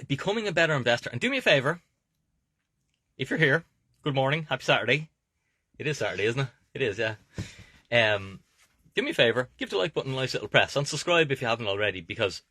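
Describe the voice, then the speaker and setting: Inside a camper van, an Irish coach and video host gives viewers informal, motivational investment advice, emphatic and repeatedly asking "okay?" to check they follow. His voice sits on the low side, pushed and bright, in a dry, studio-quality recording.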